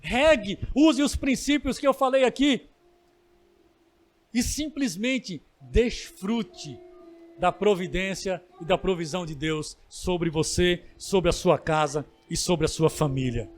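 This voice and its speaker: A Brazilian pastor with a high-pitched voice delivers a sermon. He builds to emphatic bursts and then slows into drawn-out, pleading lines. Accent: Brazilian Portuguese. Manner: preaching with rising emphatic bursts and slow drawn-out pleas.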